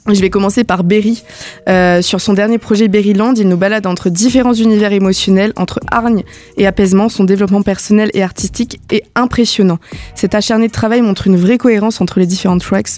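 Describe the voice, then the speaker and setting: A woman's voice: mid-range voice, steady tone, a little fast, a little mellow. A woman hosting a casual music talk show, chatty and laughing at her own slips. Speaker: host.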